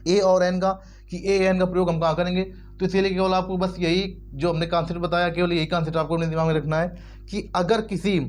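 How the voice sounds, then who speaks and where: Slow, repetitive Hindi grammar teacher. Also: male voice, high-pitched. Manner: repeats words slowly, spells them out letter by letter. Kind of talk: explanatory lesson in Hindi.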